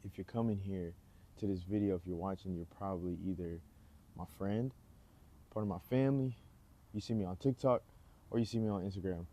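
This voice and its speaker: A man's voice: sits low, brisk, pauses often. A man, rambling casually outdoors as he introduces himself in a vlog. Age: 20s. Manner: relaxed, rambling, lots of fillers. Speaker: vlogger. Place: outdoors, rain nearby.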